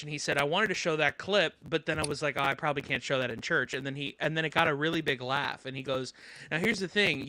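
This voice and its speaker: A man's voice: fairly high pitch, sharp tone, dry recording. A man talking in a casual podcast chat, rambling and restarting often while his microphone keeps cutting in and out with a loose cable crackle. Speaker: podcast co-host. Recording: dry close mic with a loose cable crackle.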